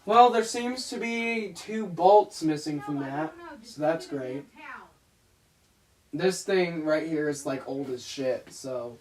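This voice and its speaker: A man's voice: fairly high pitch, slow pace, a little mellow. A young man casually commenting on his own old videos, rambling, laughing and mocking himself. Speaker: YouTube animator reacting to his old videos.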